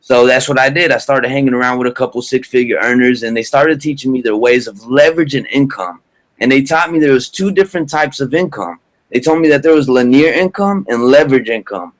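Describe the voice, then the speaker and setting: A man's voice: mid-range voice, brisk. A man in his thirties, originally from Colombia, giving a casual sales presentation over a video call in a loose, filler-heavy way. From Bogota, Colombia. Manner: loose, filler-heavy, repeats "all right, perfect". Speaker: business presenter.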